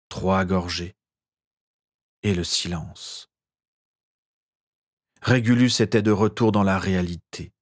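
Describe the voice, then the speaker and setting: A man narrating a story in a measured, expressive storytelling manner. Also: low-pitched. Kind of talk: dramatic story reading.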